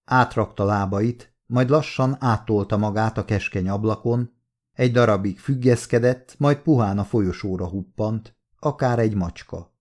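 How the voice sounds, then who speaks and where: A man reading an audiobook in a calm, measured way, slowing down at key moments. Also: lowish voice. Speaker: audiobook narrator. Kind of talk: audiobook narration.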